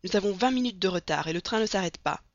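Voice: medium pitch, animated, fast, dry recording, lightly acted. A reader voicing a polite, apologetic train conductor, in a dull, dry recording.

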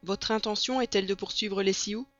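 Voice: mid-range voice, steady tone, fairly quick, a bit bright, no echo, close to an everyday voice. A reader voicing a proud, formal army captain who speaks firmly in an audiobook. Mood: stern. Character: stern army fort captain, man. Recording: dull lo-fi recording.

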